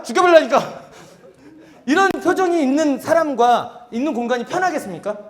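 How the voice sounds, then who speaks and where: A man giving a seminar lecture to a live audience, acting out little scenes with sudden shouts. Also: very high-pitched. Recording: echoey hall.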